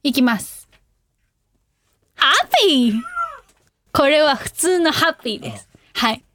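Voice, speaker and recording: A young woman hosting a radio show, reading listener letters in casual chat, bubbly and giggly, sometimes shouting catchphrases. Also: high voice, no echo.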